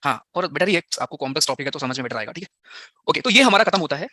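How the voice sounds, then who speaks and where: A man's voice: on the high side, animated, very fast, sharp tone, no room sound, clean studio sound. A slightly unwell man teaching a physics class online, firing rhetorical questions at his students and mixing English into his talk.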